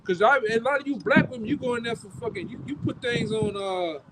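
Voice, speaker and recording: A man, street preaching outdoors in a forceful, repetitive, profane way that keeps ending phrases with "man". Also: very high-pitched, lively intonation, brisk, very noisy. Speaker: street preacher leading the camp.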